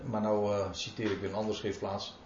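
A man preaches a sermon expounding the Bible, reading scripture verses and explaining them emphatically. His fairly low, darkish voice is monotone and a little fast, in a roomy, dull lo-fi recording with slight background noise.

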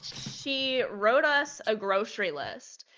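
Chatty young woman, bright voice. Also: on the high side, big pitch swings, takes it slowly. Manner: chatty, heavy use of "like" fillers. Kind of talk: casual storytelling chat.

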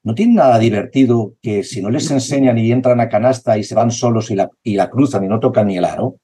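Man, basketball coach, passionate and insistent, very mellow tone. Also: medium pitch, a little fast, husky. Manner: passionate, repetitive, acts out dialogue. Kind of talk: conversational interview.

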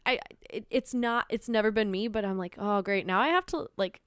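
With a mid-range voice and clean tone, a young woman with a slight Minnesotan accent talks fairly quickly as a guest on a casual podcast. She laughs often and brings her stories to life by acting out quotes. The studio-quality recording carries no room sound.

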